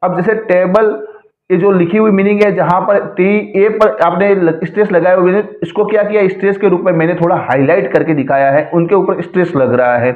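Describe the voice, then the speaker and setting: A man with a notably high voice delivers a slide-by-slide lesson, slowing down and repeating example words to show how they sound. The room is echoey and the sound is thin and tinny, like a phone line. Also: steady tone. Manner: slow, explanatory, repeats words for pronunciation. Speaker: English grammar teacher. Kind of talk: slide-based lecture.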